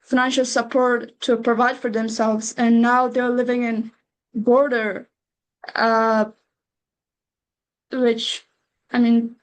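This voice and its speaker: A young woman from Afghanistan talks over a video call. She speaks slowly and haltingly, with frequent pauses. Her voice sits fairly high and stays flat. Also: low-quality recording. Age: young adult. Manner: slow and halting, many uh pauses. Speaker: webinar participant. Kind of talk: personal testimony on a video call.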